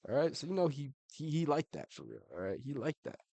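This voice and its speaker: A man's voice: a little high, huge pitch swings, fast, gravelly, mellow, no echo. Slangy man in casual commentary. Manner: slangy and profane, says "bro" constantly; laughs between remarks. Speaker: online commentator ranking fighters.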